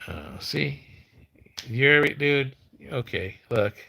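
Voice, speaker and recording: Here a fiftyish man hosts a live stream with casual chatter, his medium-pitched voice expressive, gravelly, bright and forceful. The delivery is slurred and mumbling, as if his tongue were half numb, with halting starts and repeated words.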